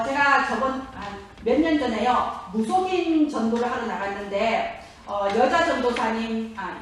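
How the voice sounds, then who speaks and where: A woman pastor preaching a sermon, telling stories with lively emphasis and putting questions to the congregation. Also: high voice. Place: church sanctuary. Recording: echoey church hall, from far off.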